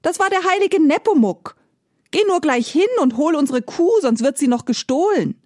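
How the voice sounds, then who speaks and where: A woman voicing a sharp-tongued farmer's wife who questions and scolds. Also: mid-range voice, big pitch swings, normal speed, no room sound, studio quality. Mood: scolding.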